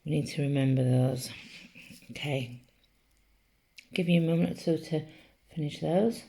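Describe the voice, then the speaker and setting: A woman's voice: low-pitched, measured pace, creaky, warm tone, breathy edge. A woman teaching a spelling lesson to children, patiently sounding out each letter. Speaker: primary school teacher.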